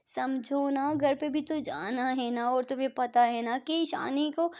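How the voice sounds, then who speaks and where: A woman doing a soft coaxing mother. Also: high-pitched, steady tone, unhurried. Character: middle-aged mother, calm and reasoning.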